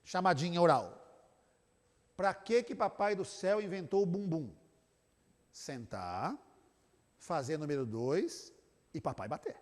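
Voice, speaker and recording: A man with a Brazilian accent, a pastor giving a church talk to couples, telling animated family stories and tagging his sentences with a questioning aside. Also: on the high side, unhurried, long pauses. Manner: animated storyteller, acts out family scenes; tags sentences with "né?". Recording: long reverb of a church hall.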